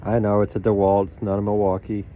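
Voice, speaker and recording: A man's voice: fairly low pitch, monotone, fast, narrow, tinny audio. A man talking casually to the camera while he works on a car, with dry, sarcastic asides. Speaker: car repair vlogger. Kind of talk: casual narration while working. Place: garage or driveway by a running car. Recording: loud engine noise behind.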